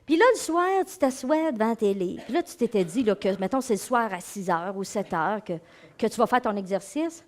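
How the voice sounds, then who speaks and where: A middle-aged woman with a Québécois accent gives an animated talk as a psychologist, addressing her audience directly and acting out inner voices. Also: medium pitch, brisk. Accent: Québécois French. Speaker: psychologist and speaker giving a talk. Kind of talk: lively lecture to an audience.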